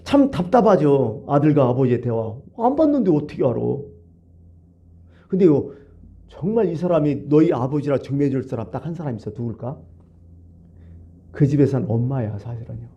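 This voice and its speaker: A male pastor preaching a conversational, storytelling sermon at a church, swinging between hushed asides and animated bursts, in a dull lo-fi recording. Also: mid-range voice, moderate pace, long pauses. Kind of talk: Wednesday service sermon.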